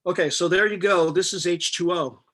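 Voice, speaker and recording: A man's voice: sits high, steady tone, fairly quick, fairly bright tone. A middle-aged man teaching a chemistry class, explaining step by step with patient jokes. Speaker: chemistry instructor. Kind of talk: live online chemistry lecture.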